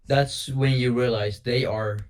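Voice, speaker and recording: A man's voice: medium pitch, steady tone, a little slow. Hesitant man in a casual chat. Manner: hesitant, restarts words often. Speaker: podcast guest.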